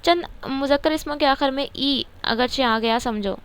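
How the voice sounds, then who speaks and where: A woman's voice: high-pitched, a bit bright. Woman teaching grammar. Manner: repeats words, asks and answers her own questions. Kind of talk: casual grammar lesson explaining a textbook.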